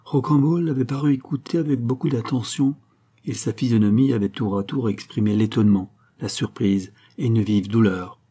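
A man narrating a classic novel in a steady, measured reading. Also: medium pitch. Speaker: audiobook narrator.

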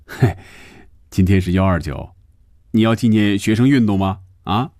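A man voicing an impatient but softhearted young man who talks in a brisk, teasing, casual way, in a storybook radio reading. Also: low voice, expressive, no room sound, clean studio sound.

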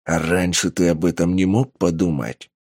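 A man putting on a surly armed mercenary in an audiobook, low and curt. He hisses and grumbles with impatience. The sound is dry and close. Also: fairly even intonation, moderate pace, darkish tone, dry recording. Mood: gruff. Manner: gruff, hissing, curt.

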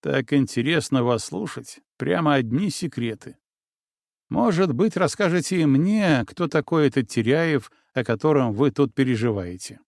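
A man's voice: mid-range voice, lively intonation, moderate pace, vocal fry, a little mellow, no room sound, studio quality. A man voicing a curious young woman in an audiobook, with a coy, probing way of asking.

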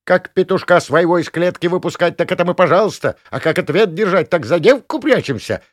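A man voices a hulking village woman with huge work-worn hands, loud and bossy. She shrieks high and coarse, pitched well above the reader's own voice, in a dry close recording. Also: expressive, a little fast, dry recording. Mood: yelling, accusing. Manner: shrieking, abusive, coarse peasant speech. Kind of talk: audiobook character voice.

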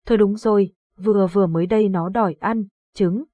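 A woman reading the lines of a grieving old village father in a horror audiobook, with a husky voice. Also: mid-range voice, steady tone, brisk, dark tone, dry recording, close to an everyday voice. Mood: worried. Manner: pleading, distraught.

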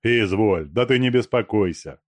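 A man's voice: on the low side, animated, moderate pace, no echo, lightly acted. Man doing a stern disguised detective.

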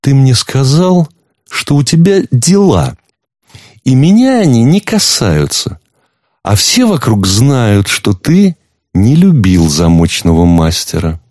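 A man's voice: mid-range voice, sing-song, slow pace, darkish tone, dry recording, studio quality, pitched above the performer's own voice. A man voicing a stern, shrewd wife. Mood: cutting. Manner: firm, cutting, reproachful. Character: stern shrewd wife, woman, coldly in control. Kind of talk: audiobook reading.

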